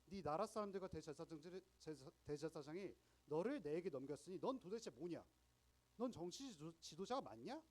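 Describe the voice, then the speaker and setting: Sarcastic sneering governor, man, a preacher putting him on, pitched up a little, lively. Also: a little fast. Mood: scornful. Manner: sarcastic, scornful questioning. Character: mocking sneering Roman governor, male adult.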